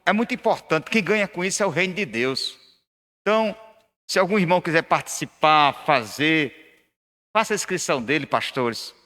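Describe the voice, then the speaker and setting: A man with a slightly high voice making informal announcements at a church gathering. He talks chattily to the room, tagging his sentences with quick questions. The hall gives his voice a long reverb. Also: expressive, pushed and bright. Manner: chatty, addresses the crowd directly with tag questions. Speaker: meeting organizer.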